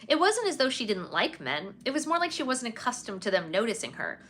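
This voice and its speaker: Bright-voiced woman reading a novel aloud. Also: on the high side, wildly swooping pitch, fairly quick. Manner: chatty, laughs between passages. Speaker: book club reader. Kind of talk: live read-aloud with chat.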